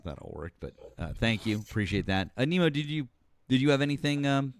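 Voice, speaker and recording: A man's voice: mid-range voice, expressive, brisk. A man in his forties hosting a call-in political live stream in a loose, swearing way. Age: 40s. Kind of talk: casual call-in political debate.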